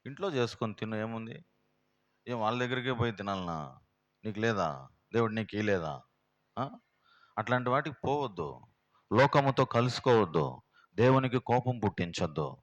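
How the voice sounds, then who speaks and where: A man's voice: fairly low pitch, animated, normal speed, pauses often, muffled recording. A pastor, preaching a plain, homely sermon and firing rhetorical questions at his congregation in a prayer house. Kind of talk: sermon teaching.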